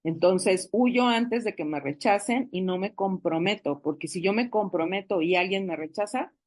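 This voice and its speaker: A woman's voice: mid-range voice, moderate pace. A woman giving a talk to a support group, conversational, with rhetorical questions and acted-out quotes. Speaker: speaker sharing recovery experience.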